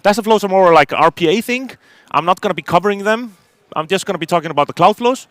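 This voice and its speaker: A man's voice: sits high, expressive, fast, fairly bright tone, no echo. A middle-aged man from Iceland, giving a technical conference talk from a stage, hesitant with many fillers and restarts. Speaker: conference speaker.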